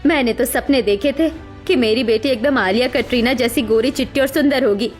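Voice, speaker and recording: A woman plays a contemptuous middle-aged mother tearing into her daughter in a dramatic Hindi cartoon tale, her tone angry and scolding. She speaks fairly quickly in a fairly high, lightly acted voice over background music.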